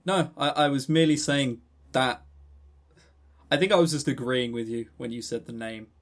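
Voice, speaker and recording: This man, co-hosting a podcast, speaks at a moderate pace with a medium-pitched voice. His talk is loose, jokey banter, full of excited rambling and frequent stammers on repeated words.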